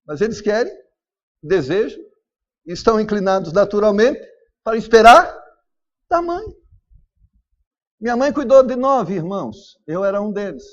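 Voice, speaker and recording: Brazilian male pastor, lively high voice, dull lo-fi church recording. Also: moderate pace, pauses often. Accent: Brazilian Portuguese. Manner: animated preaching, acts out family dialogue. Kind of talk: sermon.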